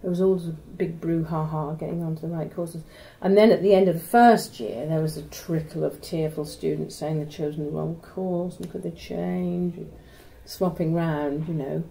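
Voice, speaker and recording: In an oral history interview, an older Norwich woman, a retired university secretary, reminisces chattily about her working years and trails off into asides. Her low, mellow voice is steady with vocal fry and few pauses at a moderate pace, on a rough recording with slight background noise.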